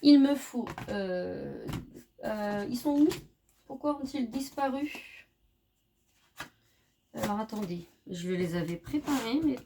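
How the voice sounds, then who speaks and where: A woman chatting casually through a craft tutorial, often correcting herself and filling pauses as she works. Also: a little high, lively intonation, creaky, background noise. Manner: chatty, self-correcting, many fillers. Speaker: scrapbooking crafter.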